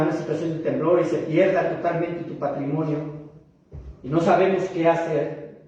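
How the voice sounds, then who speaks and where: High-voiced Mexican pastor in an echoey church. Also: male voice, a little mellow. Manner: addresses the congregation, often tags "¿verdad?"; slow, emphatic phrasing of key words. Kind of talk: sermon. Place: church sanctuary. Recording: very echoey hall, mic at a distance, dull sound.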